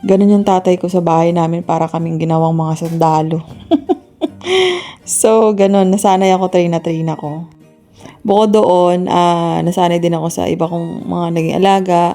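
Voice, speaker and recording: Woman vlogging, loud voice but mellow tone, faint guitar behind. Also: on the low side, little pitch movement, normal speed. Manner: naturally loud voice. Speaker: domestic helper. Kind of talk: casual storytelling vlog.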